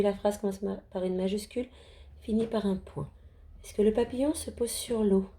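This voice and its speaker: A woman's voice: mid-range voice, warm tone. A woman primary school teacher giving a cheerful reading lesson to young children, sounding out syllables and praising the class. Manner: slow, sing-song teacher talk, sounding out syllables; cheerful, encouraging.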